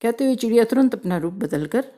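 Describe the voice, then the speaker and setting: A woman telling a folk tale aloud, unhurried, acting out the characters' lines with a few small restarts. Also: a little high, lively intonation, dark tone. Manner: unhurried storytelling with acted dialogue and small restarts. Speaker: storyteller.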